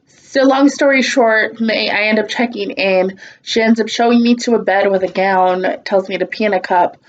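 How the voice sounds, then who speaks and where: A woman's voice: mid-range voice, normal speed, lo-fi sound. A woman vlogger telling a storytime in a casual, blunt and sarcastic way, swearing freely.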